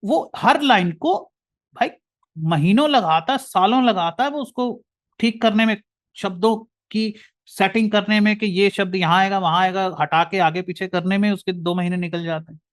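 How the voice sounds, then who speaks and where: Indian guy giving a heartfelt lecture, kinda high voice, talks to you like a brother. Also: normal speed. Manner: earnest, addresses listener as brother. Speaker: motivational speaker. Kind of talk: lecture to listeners.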